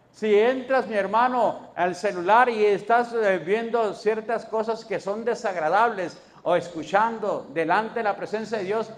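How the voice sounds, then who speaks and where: A man preaching a sermon as pastor, asking rhetorical questions and answering them, swinging between loud emphasis and low, quiet endings.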